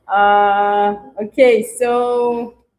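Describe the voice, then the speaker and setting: A woman's voice: mid-range voice, a little mellow, roomy sound, low-quality recording. A woman hosting a community event, casually organizing the group. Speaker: event host.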